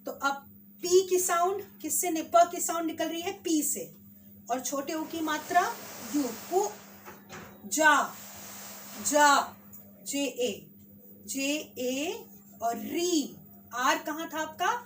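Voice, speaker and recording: A woman teacher with an Indian accent, slowly sounding out words for children in a spelling lesson. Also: high-pitched, recorded from a distance, slight background noise. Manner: slow, drawn-out sounding of words.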